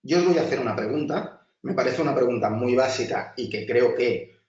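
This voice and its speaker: A male design instructor leads a webinar lecture over slides, talking to the class directly in a chatty way with lots of filler and restarts. His everyday mid-pitched voice is darkish and fairly quick. He sounds some distance off in a roomy space, and the audio is dull and muffled.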